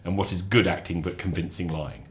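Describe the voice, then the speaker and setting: A man chatting as a podcast guest, lively and animated, often repeating and restarting his words. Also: a little fast. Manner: animated storyteller, acts out quotes with sudden high voices. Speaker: lecturer. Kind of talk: casual chat.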